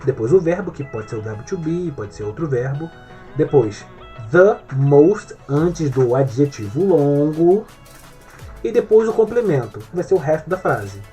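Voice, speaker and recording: A man's voice: fairly high pitch, sing-song, a little slow, warm tone, soft background music. A male English teacher giving an online grammar lesson in Portuguese, explaining step by step and often checking that the viewer is following.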